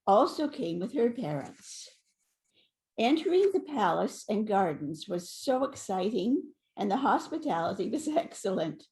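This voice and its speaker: An older woman, a guest on a live online event, reading a prepared anecdote in a gentle storytelling way. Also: medium pitch. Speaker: guest sharing a memory.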